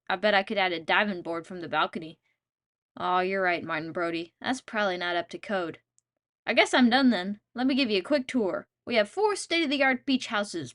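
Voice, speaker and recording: A woman's voice: medium pitch, a bit bright. Wry, self-mocking woman narrator. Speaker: video creator and narrator. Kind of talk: comedic game narration.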